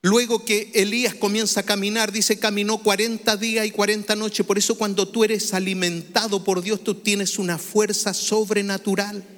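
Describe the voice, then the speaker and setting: A man's voice: sits high, little pitch movement, moderate pace, hardly any pauses, a bit bright. A man preaching a sermon to a congregation, asking them to repeat phrases after him. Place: church hall before a congregation. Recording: reverberant hall.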